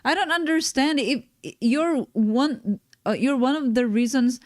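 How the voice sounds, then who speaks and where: A woman's voice: sits high, no echo, clean studio sound. Exasperated woman reacting on stream. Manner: exasperated, critical, halting restarts. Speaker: streamer reacting to a panel video. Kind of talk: live stream reaction commentary.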